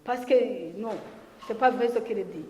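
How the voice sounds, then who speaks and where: High-voiced woman telling a children's story. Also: mellow, a little hiss or hum. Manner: asks the children questions and pauses for answers. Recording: roomy hall with long reverb.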